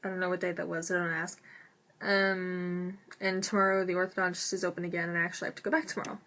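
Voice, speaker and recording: A woman's voice: fairly low pitch, level tone, quick pace, bright, forceful tone. Chatty, rambling woman talking with braces. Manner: rambling, chatty, self-interrupting. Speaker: vlogger. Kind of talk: casual chat to camera.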